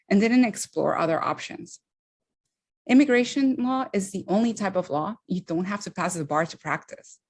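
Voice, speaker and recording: A woman from Honduras, an immigration attorney, giving a prepared speech in an earnest, measured way that slows for emphasis. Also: lowish voice, creaky.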